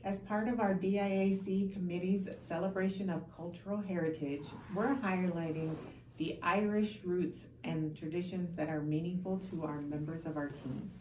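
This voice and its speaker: A woman's voice: lowish voice, fairly even intonation, normal speed, warm tone. A woman hosting, reading a prepared introduction. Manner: reads a prepared welcome. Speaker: host. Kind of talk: scripted introduction. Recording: echoey room, faint noise.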